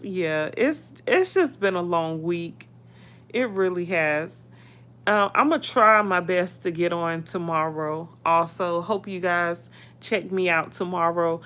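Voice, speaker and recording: A woman's voice: fairly low pitch, fairly bright tone. A woman vlogger casually chatting through celebrity gossip, hedging her opinions as she goes.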